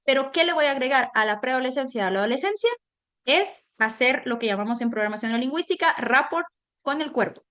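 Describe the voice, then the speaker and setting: Woman doing a parenting class online, bit high voice, keeps checking in with the parents. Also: quick pace. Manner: animated, addresses parents directly with frequent check-ins. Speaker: parenting lecturer.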